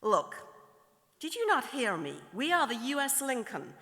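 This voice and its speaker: A woman's voice: sits high, sing-song, measured pace, sharp tone, full character voice. A woman voicing a stern, commanding male navy captain with an American accent, giving clipped orders in an echoing hall. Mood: insistent. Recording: long hall reverb.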